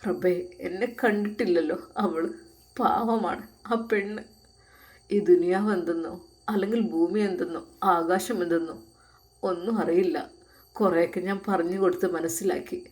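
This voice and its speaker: A woman's voice: on the low side, normal speed, a little mellow, faint music behind, natural voice. A woman voicing a devout young male religious teacher who prays to God in a tearful, pleading way. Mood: tearful prayer. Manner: pleading, sobbing prayer.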